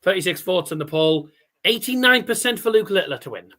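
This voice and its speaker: Man casually calling live darts, higher-pitched voice. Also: expressive, brisk, sharp tone. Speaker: host of a live darts watch-along stream. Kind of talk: casual live sports commentary.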